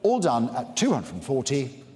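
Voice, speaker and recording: A man's voice: mid-range voice, wildly swooping pitch, mellow. A man working as a fine art auctioneer, formally calling and repeating bids at a live sale. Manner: formal, measured repetition of bid figures. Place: large indoor auction room. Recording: echoey saleroom with long reverb, background noise.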